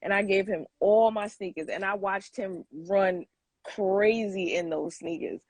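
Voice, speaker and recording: In a casual interview, a female sneaker collector in her forties talks in a mid-range, darkish, slightly rough voice, a touch slow. There's no room sound, and she rambles somewhat as she works through her thoughts aloud.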